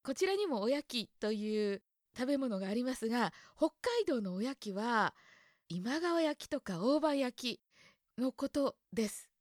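A woman's voice: fairly high pitch, big pitch swings, unhurried, no room sound, clean studio sound. A young woman from Hokkaido hosting a casual solo talk show, chatting and musing aloud about words with a light laugh now and then. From Hokkaido, Japan. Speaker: podcast host.

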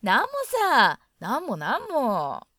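A woman's voice: a little high, wildly swooping pitch, takes it slowly, pushed and bright, no echo, studio quality, full character voice. A woman voicing a friendly wife with a Hokkaido dialect who cheerfully brushes off a guest's thanks. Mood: cheerful, generous.

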